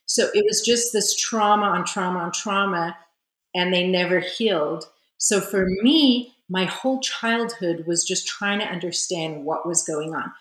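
Low-voiced woman healer, earnest, roomy echo. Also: unhurried, fairly bright tone. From South Africa. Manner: earnest and reflective, with frequent "you know". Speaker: guest, spiritual healer. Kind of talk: personal storytelling in an interview.

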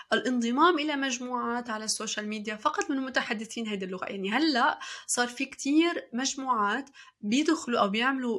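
A woman's voice: on the high side, a bit bright, breathy edge. A woman in her thirties with a Levantine Arabic accent, giving chatty parenting advice with many fillers and restarts. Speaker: parenting podcast host. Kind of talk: casual advice talk.

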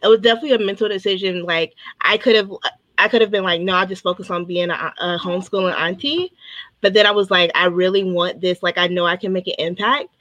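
A woman chatting as an interview guest over a video call, quick to laugh and full of casual filler words. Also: lowish voice, steady tone, fairly bright tone, no room sound, highs cut off. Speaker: interview guest, business owner.

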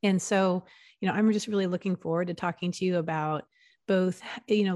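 A woman in her forties from the US East Coast, a nonprofit consultant, appears as a podcast interview guest, speaking earnestly and upbeat with frequent restarts. Her voice is lowish and a little mellow, on a dry, studio-quality recording.

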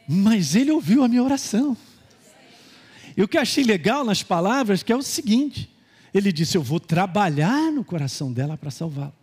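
Brazilian guy preaching, high voice that jumps all over, chatty testimony style. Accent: Brazilian Portuguese. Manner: animated storytelling, conversational asides to the congregation. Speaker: pastor. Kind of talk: sermon testimony.

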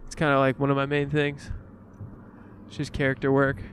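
A man's voice: mid-range voice, monotone, moderate pace, a little hiss or hum. A man hosting a podcast in casual chat, joking and rambling with frequent restarts. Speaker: podcast host.

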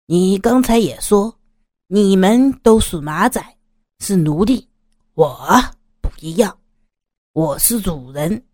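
A woman voicing an arrogant, fat, middle-aged male gangster boss who talks in a cold, menacing, swaggering way, with lively pitch in a dry recording. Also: unhurried, slightly rough, dry recording.

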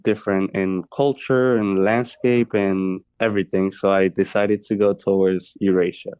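A young Colombian man whose first language is Spanish speaks as an interview guest, his low voice smooth but flat in tone. He searches for words and restarts often. The recording is dry and somewhat muffled. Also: moderate pace, no room sound. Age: 20s. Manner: hesitant, many fillers and restarts. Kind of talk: interview conversation.

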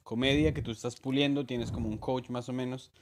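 A man's voice: medium pitch, brisk, background noise. A man hosting a podcast, reading a comment and putting questions to his guests. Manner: relaxed, asks questions. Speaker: podcast host. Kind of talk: casual interview questions.

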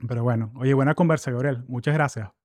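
A man's voice: mid-range voice, fast, dry recording, studio quality. A man, hosting a casual interview in a chatty, slangy way. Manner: chatty, slangy, animated asides. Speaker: podcast host.

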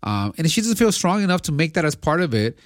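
A man's voice: a little high, big pitch swings, fast talker, no room sound, studio quality. A man co-hosting a podcast, giving his opinion in casual debate, often restarting and repeating words as he thinks aloud. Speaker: podcast co-host.

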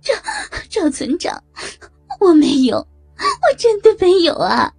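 A woman's voice: high-pitched, big pitch swings, slow pace, a little mellow, faint music behind, pitched above the performer's own voice, exaggerated voice. A woman voicing a frightened middle-aged mother who stammers and pleads through tears. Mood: crying, pleading. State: crying.

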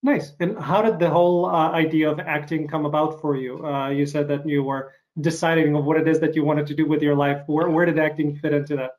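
A man interviewing a guest on a video call, rambling and self-deprecating, with frequent halting restarts. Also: fairly high pitch, steady tone, dull audio. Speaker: interviewer host. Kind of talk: casual interview chat.

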